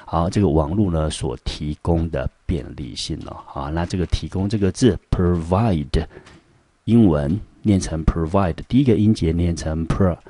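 Male English teacher, Taiwanese Mandarin accent, low dark voice, dry close recording, lecture pacing with fillers. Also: breathy edge, dry recording. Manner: frequent fillers "好" and "呢", rising pitch on prompts, slow syllable-by-syllable spelling. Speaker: high school English teacher. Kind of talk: recorded classroom lesson explaining vocabulary and grammar.

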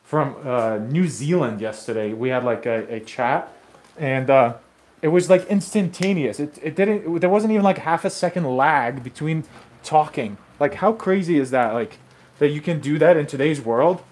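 A tile installer in his thirties live-streams his work through a phone camera, moving between a bathroom renovation site and a snowy driveway while explaining on the fly in a casual how-to chat. His fairly high, darkish voice is animated and normal in speed, loose and full of fillers and restarts.

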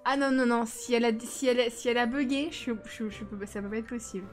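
A woman's voice: a little high, fast. Chatty woman streaming, light music behind. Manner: chatty, teasing, talks back to chat. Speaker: streamer playing a life-sim game. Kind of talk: casual live-stream chat with viewers.

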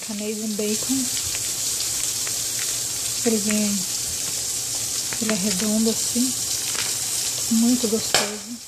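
A woman's voice: mid-range voice, level tone, slow pace, pauses often. A woman casually narrating her breakfast cooking in a home kitchen, chatty and homey, filmed on a handheld phone. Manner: chatty, homey, affectionate diminutives. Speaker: home cook vlogger. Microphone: handheld phone camera. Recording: loud frying noise behind voice. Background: frying and sizzling.

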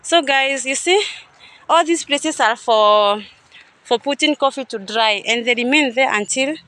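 A chatty woman with a high voice vlogs a casual guided walk-through of a coffee farm and factory outdoors, filming on a phone camera in her hand. She's unhurried, unsure and thinking aloud, her voice pushed and bright with no echo.

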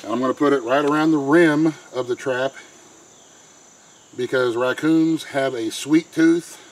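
A homesteader in middle age explains, step by step and in plain, folksy language, how to set traps. His mid-range voice moves at a measured pace. He's recorded outdoors near a pen and a wooded creek on a close handheld camera mic, and the audio is poor, with faint crickets and insects behind him.

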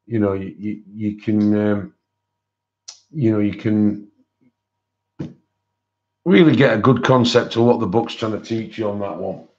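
Male livestream host, lowish voice, can't quite say his R's, informal chat, dull sound. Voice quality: cannot pronounce his R's properly, says w for r. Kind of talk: casual live-stream chat, showing colouring books. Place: indoors at a desk, overhead camera on hands.

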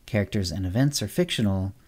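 Deep-voiced male storyteller. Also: lively intonation, darkish tone, breathy edge. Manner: measured, then brisk in the outro. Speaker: podcast host and storyteller. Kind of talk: scripted story narration.

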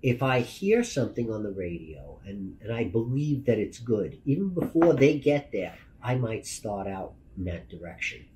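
Very animated and barely pausing, a fifty-something Brooklyn news photographer with a New York accent talks at normal speed in a lowish, mellow voice. He gives an emphatic, plain-spoken personal account for a documentary in an indoor meeting room, and the audio is poor.

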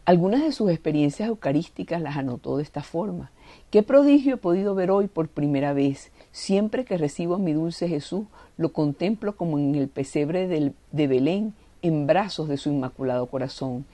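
A woman's voice: low-pitched, animated, moderate pace, warm tone, no echo. A woman giving a devotional reading and reflection, fervent and reverent, leaning on prayerful words.

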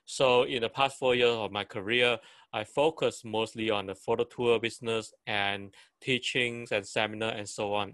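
Guy teaching photography on a video call, kinda halting, restarts a lot, lowish voice. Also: a bit bright, no echo. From Malaysia. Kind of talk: online seminar talk.

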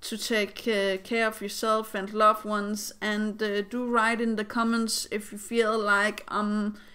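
Slow-talking, bright-voiced young woman. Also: mid-range voice, little pitch movement, smooth. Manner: rambling, hesitant phrasing. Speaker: fan vlogger. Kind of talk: casual fan theory commentary.

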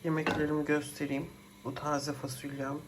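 A woman's voice: low-pitched, little pitch movement, normal speed. Chatty woman in an echoey kitchen. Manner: exasperated complaining, chatty. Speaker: vlogger. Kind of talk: casual home vlog chat. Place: home kitchen. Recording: echoey room, voice from a distance, faint noise.

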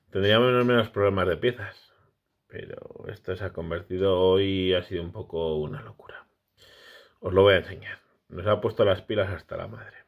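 A man, casually vlogging a brick build with his child, chatty and often unsure as he corrects himself. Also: lowish voice.

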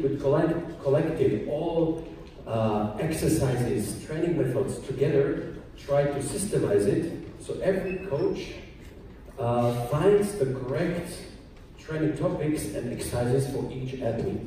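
A man's voice: on the high side, dark tone, a little hiss or hum. Man in an echoing hall. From Austria. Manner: plain, explanatory, with frequent um and uh pauses. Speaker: conference speaker. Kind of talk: presentation talk. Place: large conference hall. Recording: echoey hall from far off.

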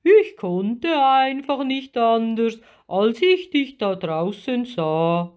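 Woman voicing a giant male storybook octopus, deep and booming, slow and kindly, quick to take offense, drawls every word. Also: animated, darkish tone. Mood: friendly. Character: huge friendly male red octopus.

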